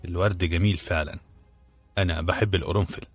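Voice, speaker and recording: A man's voice: sits low, a little fast, slightly rough, no echo, faint music behind. Man voicing a cool, guarded older madame. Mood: tender. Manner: cool, clipped, then softening. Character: aloof then tender foreign older woman.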